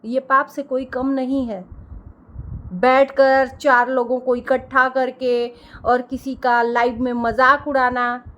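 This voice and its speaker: A woman's voice: sits high, dull audio. A woman reaction creator delivering a heated, scolding rant and repeating phrases for emphasis.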